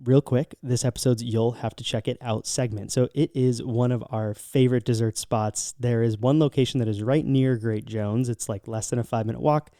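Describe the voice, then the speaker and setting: A man's voice: medium pitch, steady tone, normal speed, few pauses, mellow, no room sound, studio quality. An American man co-hosting a podcast, chatting casually as he gives travel recommendations. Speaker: podcast co-host.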